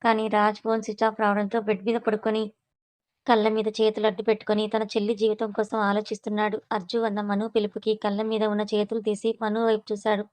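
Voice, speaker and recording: A woman storyteller reads a serial story at a brisk clip. Her voice stays level, with little rise and fall. The sound is dry and close. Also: mid-range voice, no echo. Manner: quick, even reading with little rise and fall. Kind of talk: reading a serial story aloud.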